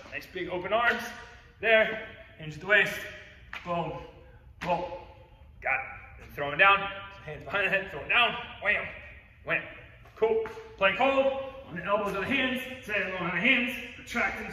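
A man coaching a workout warm-up, demonstrating each move, upbeat and out of breath, recorded in a gym. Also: lively intonation, a little slow, pauses often, reverberant, long reverb tail, recorded from a distance, a little hiss or hum. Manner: upbeat, cues moves with "boom". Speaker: fitness coach. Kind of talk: workout instruction demo.

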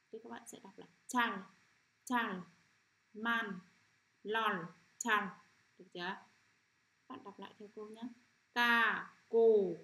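A middle-aged woman teacher leading a children's phonics lesson, sounding out syllables slowly and often asking if the class has understood. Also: medium pitch, a bit bright. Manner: repetitive, checks understanding with frequent "được chưa?".

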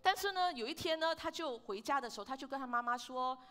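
A woman, her voice high and bright. She keeps asking the congregation questions and slips English words into her sermon. Soft music plays faintly behind her in the church hall. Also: lively intonation, quick pace, smooth. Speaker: pastor.

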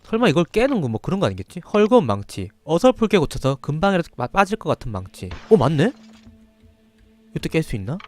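Animated male horror game streamer. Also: on the high side, fast talker, dry recording. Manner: reads on-screen text aloud between muttered asides to himself. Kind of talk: horror game let's play commentary.

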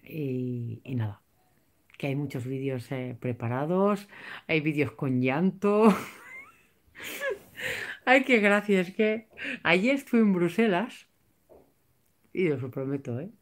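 A woman's voice: low voice, animated, slow pace, long pauses. A woman chatting emotionally on a livestream, theatrical and exaggerated, reading comments from viewers. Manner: theatrical, tearful, laughing and exaggerated. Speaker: vlogger reading live chat. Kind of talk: emotional casual livestream chat.

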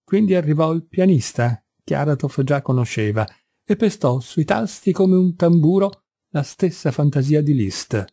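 A man reading a classic novel aloud in measured, even scripted narration. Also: on the high side, husky, no room sound, studio quality. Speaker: audiobook reader.

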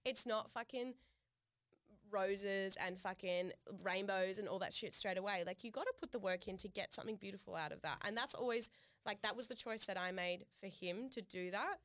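A young woman, co-hosting a podcast in casual chat, telling her story in an animated, sweary way with laughs. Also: medium pitch, normal speed, no room sound. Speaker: podcast co-host.

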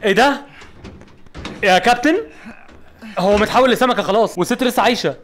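A man's voice: high-pitched, fast talker, fairly bright tone. A man with an Egyptian accent giving jumpy let's play commentary, asking over and over what is happening. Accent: Egyptian Arabic. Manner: jumpy, keeps asking what is going on, frightened exclamations. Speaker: gaming video host.

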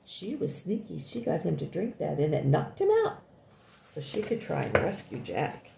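Older woman, storybook reader for a grandchild, gravelly, chatty asides, roomy echo. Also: low voice, very animated, noisy background. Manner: pauses often to comment and ask the child questions. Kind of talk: reading a picture book aloud. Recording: echoey room.

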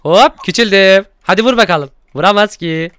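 A young man hosting Minecraft gameplay commentary, excitable and exclaiming often as he talks to viewers. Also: sits high, moderate pace, heavy background noise. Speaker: gaming YouTuber host.

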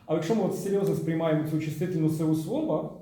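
A man giving an academic conference talk, reading from sources and commenting, pausing to think and checking in with his listeners. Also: fairly high pitch, warm tone, slight background noise. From Ukraine. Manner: measured, thinking aloud with frequent filler pauses and "так?" checks. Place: conference hall at a round table. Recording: distant mic in a very echoey hall.

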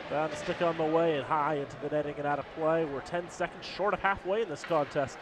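Higher-pitched male hockey analyst, noisy rink. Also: steady tone, fast. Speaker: color commentator. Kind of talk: live sports analysis. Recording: noisy ice rink broadcast. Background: loud rink ambience.

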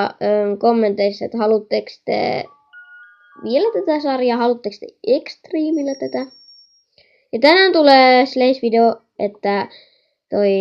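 A young woman chatting excitedly while playing a horror game, talking to viewers and scolding her mother in the background. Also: fairly high pitch, creaky, highs cut off. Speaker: gaming channel host. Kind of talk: game commentary.

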